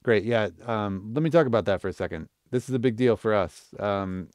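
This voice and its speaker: Low, clear-voiced man hosting casually. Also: a little fast, no room sound. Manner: informal, animated, thinking aloud. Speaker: live-stream host giving mix feedback. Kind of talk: casual live commentary, chatting to viewers.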